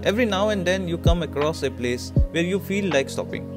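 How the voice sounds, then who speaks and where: A vlogger with an Indian accent reads scripted travel narration in a fairly high, animated and brisk voice. Loud music runs under the voice-over.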